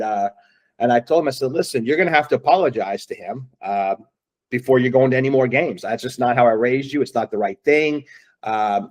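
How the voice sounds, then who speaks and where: Earnest middle-aged man telling a story. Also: medium pitch. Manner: rambling, earnest, many fillers and restarts. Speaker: guest, father. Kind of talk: casual storytelling in an interview.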